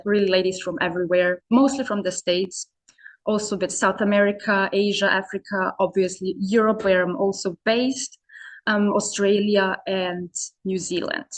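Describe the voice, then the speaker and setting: A young adult woman from Serbia, an English speaker, talking in a casual interview as a podcast guest, full of hesitant fillers like "you know" and "um". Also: mid-range voice. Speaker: podcast guest, founder of an online business community.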